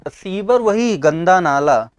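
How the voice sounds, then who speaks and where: A man with a North Indian accent teaching an exam-prep English lesson. He mixes English terms into his explanation, answers his own questions and often clears his throat. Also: sits high, lively intonation, slow, dry recording.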